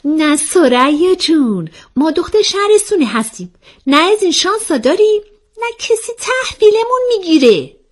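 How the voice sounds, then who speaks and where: A woman voicing a flustered, playful young woman in a read-aloud story, speaking high and exclaiming. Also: big pitch swings. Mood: teasing. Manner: high-pitched, exclaiming, indignant. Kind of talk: storybook voice acting.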